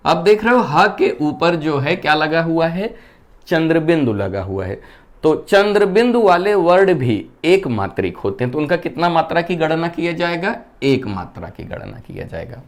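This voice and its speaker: A male teacher leads a classroom-style lesson, asking the class questions and then answering them himself. His voice sits a bit high and swings up and down a great deal. Every few sentences he stops to check that the students are following. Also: big pitch swings, normal speed. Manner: keeps checking whether students have understood. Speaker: Hindi grammar teacher.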